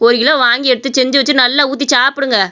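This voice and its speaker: A woman voicing a chatty older fish seller who coaxes a buyer in an animated story. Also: sits high, quick pace. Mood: coaxing. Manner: coaxing sales talk.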